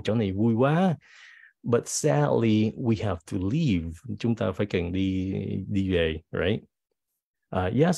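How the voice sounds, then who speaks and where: A man teaching English vocabulary in a bilingual lesson, with a cold that makes him clear his throat, reading example sentences slowly. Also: low-pitched, mellow, no room sound, dull audio. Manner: switches between English and Vietnamese, reads example sentences slowly.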